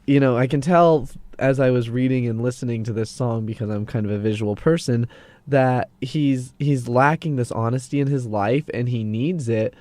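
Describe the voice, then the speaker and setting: A man's voice: medium pitch, moderate pace, dark tone, no echo. A young man co-hosting a casual podcast. He talks earnestly and hesitantly, often restarting his sentences as he explains. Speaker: podcast co-host. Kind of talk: casual chat.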